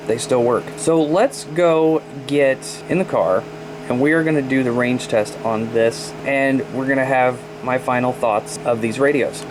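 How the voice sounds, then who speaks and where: A plain-spoken, folksy man giving a casual product review as a vlogger. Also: mid-range voice. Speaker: radio reviewer. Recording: noisy camera audio.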